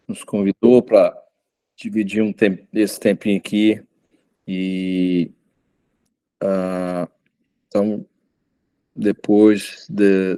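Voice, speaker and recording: A middle-aged visiting preacher from Goiânia, Brazil, delivers an informal sermon in a lowish, mellow voice. He is hesitant, with many fillers and restarts.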